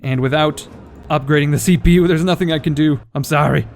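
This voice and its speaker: A man's voice: a little high, fairly quick, creaky, faint music behind. A man casually commentating a strategy game, thinking aloud and swearing now and then, his audio cutting in and out with uneven volume. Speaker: gameplay commentator.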